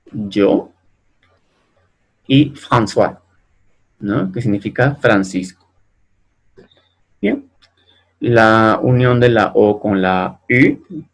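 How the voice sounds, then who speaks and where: A man speaks slowly, with a gravelly, creaky edge to a fairly low voice. He walks learners through French sounds one at a time, repeating each word and checking in after almost every point. The delivery is patient and unhurried, as in a recorded screen lesson. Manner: patient, repeats words slowly, ends sentences with "¿no?" and "¿bien?". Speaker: French teacher. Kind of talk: explaining French pronunciation to Spanish speakers.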